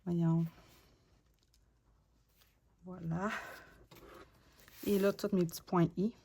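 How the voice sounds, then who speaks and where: A woman with a Québécois French accent teaching card making, murmuring half to herself as she works and slipping into soft asides. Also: fairly low pitch, steady tone, very slow, vocal fry, a little hiss or hum. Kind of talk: crafting tutorial narration.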